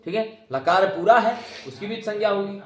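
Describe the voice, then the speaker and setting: High-voiced male Sanskrit teacher, echoey classroom. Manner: drills students with call-and-response questions; chanting grammar rules slowly.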